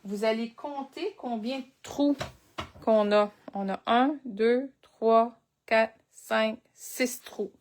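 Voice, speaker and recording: A woman's voice: on the high side, slow pace, a little hiss or hum. A woman with a Québécois French accent leading a live crafting tutorial, chatting and thinking aloud as she works. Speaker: crafting instructor.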